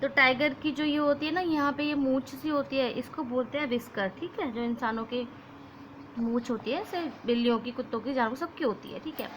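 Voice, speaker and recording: A woman's voice: high-pitched, fairly quick, a bit bright, slight background noise. A young woman teaching a lesson to children, switching between Hindi and English as she explains. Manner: mixes Hindi and English, addresses children as "beta".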